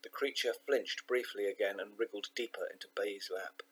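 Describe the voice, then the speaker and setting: A man reading a children's novel aloud, measured and expressive, slowing down for emphasis. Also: lowish voice, slightly rough, low-quality recording. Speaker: audiobook narrator. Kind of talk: scripted narration of a children's novel.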